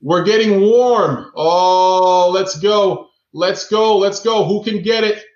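A man's voice: sits high, slow, darkish tone, echoey room, dull audio. A man hosting a live online stream, upbeat and chatty, reading out viewers' chat guesses. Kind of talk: lively interactive hosting. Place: indoor room, talking away from the mic at times.

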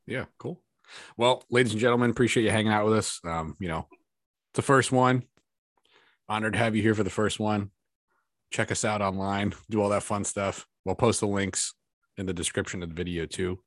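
Laid-back male podcast host, slightly low voice, friendly chat, dry recording. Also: fairly even intonation, fairly quick, no room sound.

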